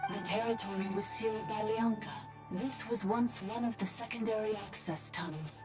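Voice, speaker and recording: An old service robot speaks over a broken link, its voice glitching and cutting out as the signal breaks up. The delivery is flat and clipped, like a status report, at an ordinary middle pitch for a woman. It sounds like a video game cutscene. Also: moderate pace, music in the background. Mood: terse. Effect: glitching, choppy signal breaking up. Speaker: service bot contacting the party remotely.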